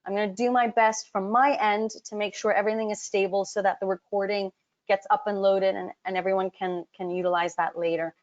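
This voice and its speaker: A woman's voice: medium pitch, fairly even intonation, a little fast. Chatty woman on dull lo-fi webinar audio. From Hong Kong. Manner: chatty, direct, addresses the audience often, frequent ums. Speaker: business advisor presenting a webinar. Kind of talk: live webinar presentation. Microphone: computer mic on a web call, camera off.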